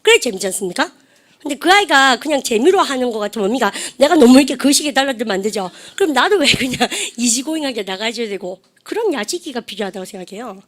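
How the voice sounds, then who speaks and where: A woman's voice: fairly high pitch, very animated, fast. A woman English teacher giving a chatty vocabulary lecture, prompting the class to repeat phrases and laughing often.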